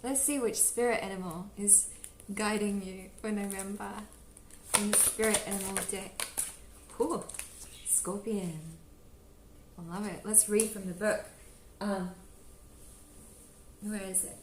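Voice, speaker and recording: A woman's voice: mid-range voice, fairly even intonation, unhurried, background noise. Giggly woman doing a chatty tarot reading. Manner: chatty, giggly, many "like" fillers. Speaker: tarot reader. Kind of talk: casual tarot reading to camera. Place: home room with birds nearby. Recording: roomy echo with faint background ambience.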